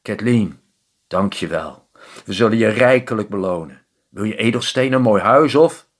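A man's voice: on the low side, lively intonation, normal speed. A man voicing a solemn grey seal prince. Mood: grateful. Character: grateful grey seal prince, young male.

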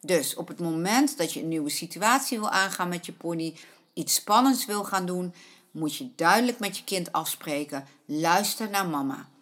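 A woman's voice: lowish voice, animated, moderate pace, fairly bright tone. A middle-aged woman coaching parents on pony riding, earnest and repetitive, stressing her points again and again. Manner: earnest, repeats points, acts out a panicking child's voice. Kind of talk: spoken advice to parents.

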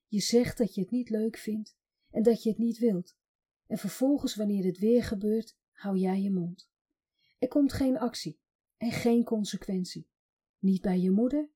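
A woman telling a story in measured scripted narration, speaking as a coach in a calm, direct way. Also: mid-range voice, slightly rough.

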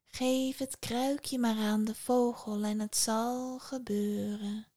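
A woman voicing a soft, breathy spirit of wind and water in a whispered role-play within a storybook reading. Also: on the high side, fairly even intonation, takes it slowly. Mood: soothing.

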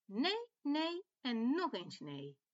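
Woman doing a squeaky stubborn lamb kid, yelling no a lot. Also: very animated, a little slow, muffled recording. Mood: defiant. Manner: shouts refusals, high and loud. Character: stubborn defiant little male lamb.

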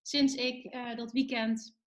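A woman hosting an interview, asking her questions in halting fragments. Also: on the high side, level tone. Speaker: host, interviewer. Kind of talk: casual interview.

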